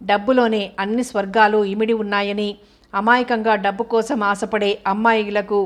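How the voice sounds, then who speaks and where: A woman's voice: medium pitch, little pitch movement, brisk, natural voice. A woman reading as a bitter, wounded young wife. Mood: bitter, reproachful. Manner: bitter, sarcastic accusations. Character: angry hurt young wife confronting husband.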